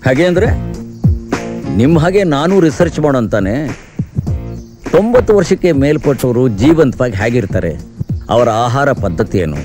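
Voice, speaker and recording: An actor playing a playful, confident psychiatrist who talks in a teasing, lively way in a film. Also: male voice, medium pitch, moderate pace, long pauses, natural voice. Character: playful, confident male doctor. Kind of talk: film dialogue. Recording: film soundtrack with music.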